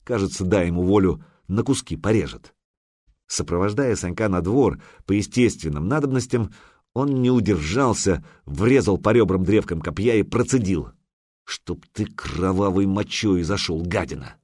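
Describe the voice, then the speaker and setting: A man narrating an audiobook in a measured storytelling manner. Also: deep voice, animated, a little mellow, no echo, clean studio sound. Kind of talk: scripted narration.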